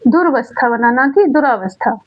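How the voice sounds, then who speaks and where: Female teacher, high voice, exam-prep lesson; poses then answers her own questions, muffled lo-fi audio. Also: expressive. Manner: repeats key words slowly. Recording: dull lo-fi sound.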